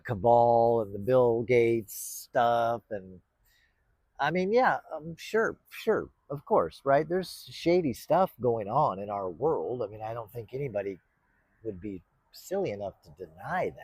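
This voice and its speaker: A man's voice: mid-range voice, expressive, slow pace, a little mellow, no room sound. Rambling man, dry close sound. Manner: rambling, hesitant with many fillers and restarts. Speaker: podcast host. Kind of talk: casual vlog talk to camera.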